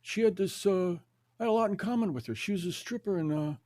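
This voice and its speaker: An older man voicing an excitable young woman who gossips in a raised voice in a retold story. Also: high voice, fast, pitched above the performer's own voice, lightly acted. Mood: gossiping.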